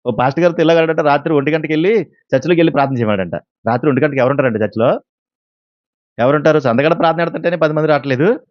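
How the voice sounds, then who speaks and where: A man preaches at a brisk clip in a slightly high voice, mixing a story with questions to his listeners. The sound is dry and a bit dull, with a lo-fi feel. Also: no echo. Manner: storytelling with questions to the congregation and acted quotes. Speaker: pastor. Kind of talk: sermon.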